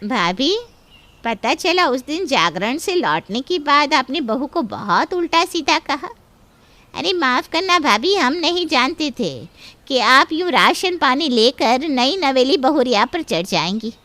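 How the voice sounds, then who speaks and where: A woman's voice: sits high, animated, measured pace, pushed and bright, dry recording, full character voice. A woman voicing a reproachful aunt who complains on the phone.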